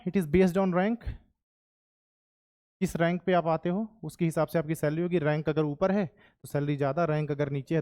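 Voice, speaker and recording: High-voiced man teaching a class. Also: a little mellow. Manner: chatty, keeps checking students follow, mixes in English. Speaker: history teacher. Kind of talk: classroom lecture to exam students.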